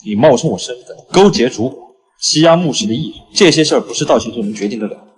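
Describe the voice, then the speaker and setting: An actor playing a calm, firm young company boss in a short web drama. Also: male voice, medium pitch, fast, natural voice.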